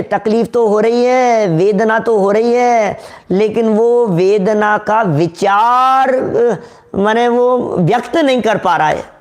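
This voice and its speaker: Male preacher, high voice, slow unhurried sermon, rhetorical questions to the audience. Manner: rhetorical, questions the audience, sings verses slowly. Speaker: Jain preacher. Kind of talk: devotional sermon with sung verses.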